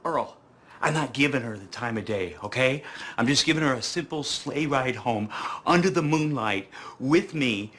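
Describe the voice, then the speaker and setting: A jolly Santa-workshop owner. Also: male voice, mid-range voice, lively intonation, moderate pace. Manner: playful, teasing. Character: jolly middle-aged man who plays Santa. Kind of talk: film acting. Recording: film soundtrack with loud music.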